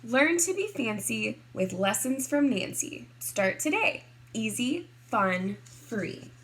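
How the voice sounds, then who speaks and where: A woman's voice: fairly high pitch, very animated, takes it slowly, a bit bright, full character voice, poor audio. A woman voicing a fancy, theatrical little girl from a storybook. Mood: dramatic, eager. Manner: theatrical, affected, exclaiming.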